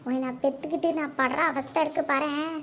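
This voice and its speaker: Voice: steady tone, fast talker, a bit bright, a little hiss or hum. A performer voicing a quarrelsome elderly mother in a cartoon, nagging and hurling insults at her son. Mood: aggrieved. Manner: shrill nagging scolding, insults. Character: quarrelsome elderly mother, sharp-tongued and scolding. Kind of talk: cartoon comedy voice acting.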